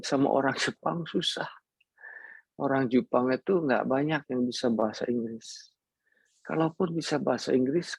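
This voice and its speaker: Man, preacher, sermon, gravelly husky voice, dry close sound, playful storytelling. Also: a little high, dry recording. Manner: storytelling, playful, mixes in English words. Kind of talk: sermon with personal anecdotes.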